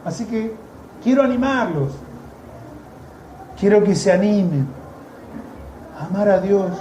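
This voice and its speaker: Argentine male preacher, conversational with sarcastic asides, high voice in a roomy church. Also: warm tone. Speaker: missionary preacher. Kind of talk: sermon. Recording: echoey church room, faint noise.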